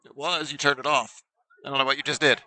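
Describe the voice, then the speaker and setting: A man co-hosting a live bowling stream tosses in short, offhand replies. His voice is very bright and sharp, with a mid-range pitch and a dry sound. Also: flat delivery, fast, no echo, rough recording. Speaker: co-commentator. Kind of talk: live sports commentary banter.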